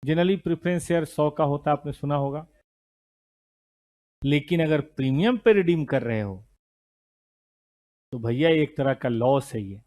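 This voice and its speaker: A middle-aged man lectures a classroom on accounting, with a slightly high voice. He teaches in a lively way, quizzing and scolding his students, and he drifts toward and away from the mic as he moves around the room. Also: measured pace, pauses often. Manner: lively, scolding students, mixes Hindi and English terms.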